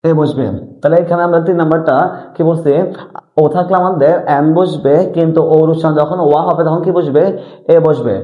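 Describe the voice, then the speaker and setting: A man's voice: a little high, fairly even intonation, a little fast. A man teaching an English grammar lesson, repeatedly asking and answering his own questions. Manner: repetitive question-and-answer drilling. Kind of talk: classroom-style lesson explanation. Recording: tinny lo-fi audio in an echoey room.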